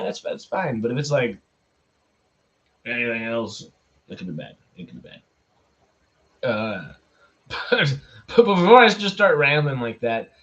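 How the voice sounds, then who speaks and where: A man from Texas hosting a casual livestream, rambling to viewers in halting, repetitive phrases and easily amused. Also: medium pitch, fairly bright tone. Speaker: livestream host. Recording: dull, lo-fi microphone sound.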